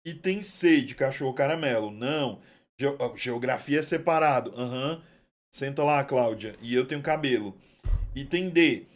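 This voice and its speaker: A male teacher giving an online exam-prep lesson, chatty and affectionate, drawing out key terms slowly. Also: mid-range voice.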